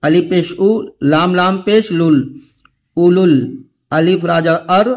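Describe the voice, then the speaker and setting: A man in a fairly high voice leads a Quran reading lesson at a slow, measured pace. He names each letter and vowel mark, then joins the syllables into whole words, and now and then he stops to warn about a common mistake. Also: steady tone. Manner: drops into quick plain remarks to point out common mistakes. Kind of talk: slow syllable-by-syllable spelling drill.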